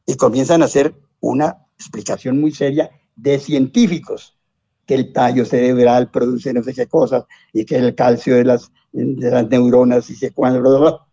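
A man's voice: mid-range voice, little pitch movement, moderate pace, dark tone, slightly rough, dry recording, muffled recording. An older man with a Colombian accent, a lawyer giving a rambling, anecdotal interview full of asides and self-corrections. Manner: discursive, tag questions and exclamations, self-corrects. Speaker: lawyer and science popularizer, interview guest.

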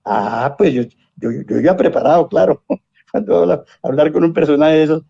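A man's voice: on the high side, expressive, normal speed, vocal fry, dark tone, breathy edge, no echo, lo-fi sound. An older man with a Colombian accent, a lawyer giving a rambling, anecdotal interview full of asides and self-corrections. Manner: discursive, tag questions and exclamations, self-corrects. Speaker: lawyer and science popularizer, interview guest.

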